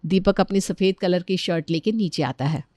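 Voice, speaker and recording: A woman's voice: on the low side, moderate pace, darkish tone, no echo, studio quality. A woman narrating a family cartoon story in a plain storybook manner.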